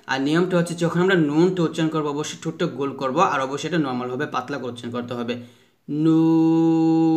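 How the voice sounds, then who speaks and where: A man giving a patient pronunciation lesson for Quran recitation, modelling each letter sound slowly and having listeners repeat after him. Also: a little high, pushed and bright. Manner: slow drawn-out modelling of letter sounds with repetition drills; patient, repeats each point several times.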